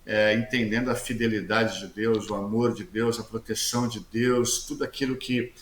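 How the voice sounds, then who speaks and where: A man, a guest telling his testimony in a casual interview, talking loudly and acting out the dialogue he quotes with plenty of slang. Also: on the low side, normal speed. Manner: lively storyteller who acts out quoted dialogue, slangy; speaks loudly. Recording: echoey room with faint background hiss.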